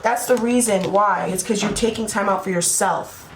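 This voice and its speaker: Speaking at a normal pace in a mid-range voice, a tarot reader who is losing her voice chats to the camera in a rambling way during a casual spiritual reading. She keeps asking the viewer "right?" and "you know?" Her echoey room carries a faint background hum.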